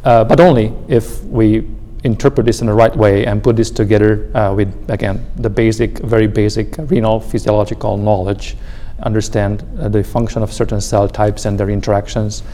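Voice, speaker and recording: Man, mellow voice, fairly even tone, halting earnest panel talk, reverberant hall. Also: fairly low pitch, slight background noise. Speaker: researcher on panel.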